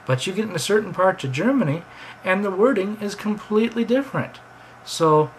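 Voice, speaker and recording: A man's voice: on the high side, fairly bright tone, slight background noise, poor audio. An American man telling rambling, chatty stories in a casual monologue. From United States. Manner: rambling, chatty, drifting between anecdotes. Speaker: vlogger.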